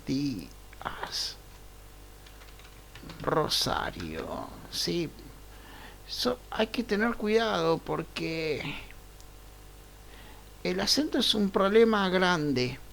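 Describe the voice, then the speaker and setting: A man's voice: high-pitched, very animated, creaky, a bit bright, a little hiss or hum. A man teaching a programming class online, thinking aloud as he works through code and often checking in with his students. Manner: unhurried, checks in with frequent "right?" tags. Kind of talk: live online class, thinking aloud over screen share.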